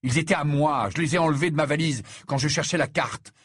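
Man doing an annoyed teen wizard boy, a little higher, husky edge, impatient. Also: big pitch swings, normal speed, no room sound, clean studio sound. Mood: frustrated. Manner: impatient, incredulous. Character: exasperated teenage boy wizard, level-headed.

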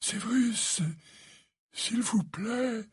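A man's voice: sits high, fairly even intonation, extremely slow, husky, dry recording, studio quality, voice pushed up, heavily acted. Dumbledore, a man putting on a frail old wizard. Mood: pleading. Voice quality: soft and faltering, pleading at the end. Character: frail, weakened old male wizard, calm. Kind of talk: audiobook character voice.

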